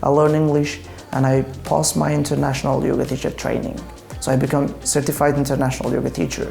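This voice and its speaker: A young man from Afghanistan, speaking earnest, reflective, halting second-language English as a yoga teacher in a documentary interview. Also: mid-range voice, monotone, vocal fry, over music. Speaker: yoga teacher and project founder.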